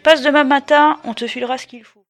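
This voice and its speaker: A woman's voice: high-pitched, steady tone, brisk, pitched above the performer's own voice. A coarse, dismissive bearded man, as a woman reads him aloud, blunt and crude in a storybook reading. Faint music plays behind.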